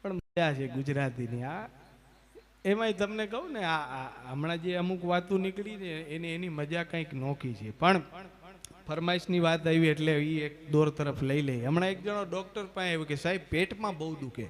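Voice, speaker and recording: A man telling folk jokes on stage in a lively manner. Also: a little high, normal speed. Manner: lively joke telling with acted voices, stammering bits for laughs. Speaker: folk storyteller and comedian. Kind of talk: Gujarati folk comedy storytelling on stage.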